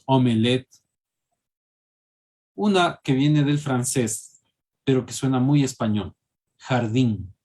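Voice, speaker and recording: A man's voice: medium pitch, takes it slowly, long pauses, darkish tone. A man, lecturing a class and checking in with students by asking questions. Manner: engaging, questions students often, tags with "¿sí?". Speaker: teacher.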